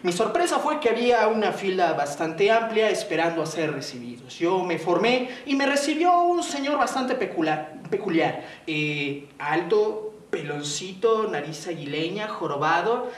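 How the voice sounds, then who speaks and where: A man from Mexico's southern coast with a Mexican accent, telling a story to young people with playful, dramatic pitch swings and slowdowns. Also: sing-song. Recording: roomy, distant mic, faint noise.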